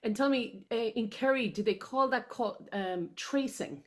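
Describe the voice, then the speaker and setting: A woman's voice: fairly high pitch, moderate pace. A woman interviewer chatting casually and asking questions in conversation. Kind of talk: casual chat.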